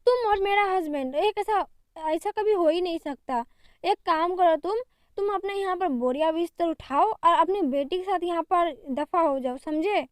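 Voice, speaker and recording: A woman's voice: very high voice, normal speed, no room sound, studio quality. Scolding hot-tempered young wife, read by a woman. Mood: angry.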